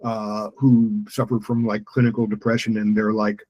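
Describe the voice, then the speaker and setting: Husky man hosting a casual chat. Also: on the low side, little pitch movement, normal speed, mellow, muffled recording. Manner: stammering restarts, casual swearing, self-mocking. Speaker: podcast host. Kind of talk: casual conversation.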